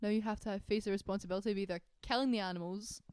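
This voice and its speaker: A young woman co-hosting a casual book podcast, chatty and giggly, telling things in an animated way. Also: medium pitch, rapid-fire, clear, resonant tone. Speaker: podcast co-host. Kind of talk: casual chat.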